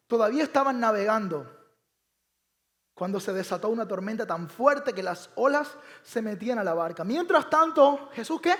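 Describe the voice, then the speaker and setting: A man delivering a sermon with a notably high-pitched voice, animated and emphatic. He keeps pressing his listeners with rhetorical questions, and his voice rises and swells as he builds each point. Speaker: pastor.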